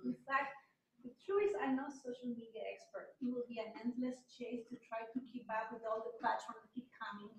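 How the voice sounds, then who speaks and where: A high-voiced Chilean woman gives a relaxed, conversational guest lecture in a university seminar room, fairly quick, self-deprecating, with occasional light laughs. A far room camera picks her up, so she sounds distant and echoey with a faint hum behind her.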